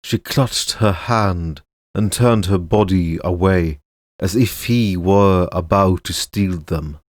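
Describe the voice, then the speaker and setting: A man tells a fantasy storybook tale in a very deep voice, taking his time with each line. His delivery stays measured and even. The recording is dry and close. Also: no echo. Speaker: narrator and voice actor.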